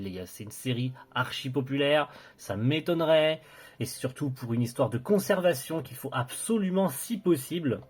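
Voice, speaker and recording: Husky young guy doing an unboxing review, lots of ums and restarts, super eager. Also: mid-range voice, a little mellow. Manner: hesitant, full of fillers and restarts, enthusiastic. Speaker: anime reviewer presenting a collector's box set.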